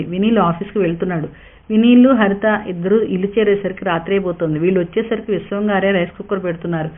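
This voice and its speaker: A woman narrating a scripted story in a steady, even reading voice. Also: mid-range voice. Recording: tinny narrow-band sound.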